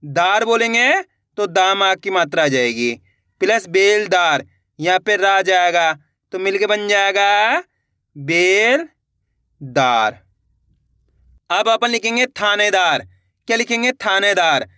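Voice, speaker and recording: A man leads a beginner's spelling lesson in a bright, crisp voice. He poses a question and answers it himself, then drags each word out syllable by syllable. The sound is dry and close, with no room around it. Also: sits high, dry recording. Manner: repetitive, asks and answers his own questions; stretches out words slowly when sounding them out. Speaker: Hindi literacy teacher.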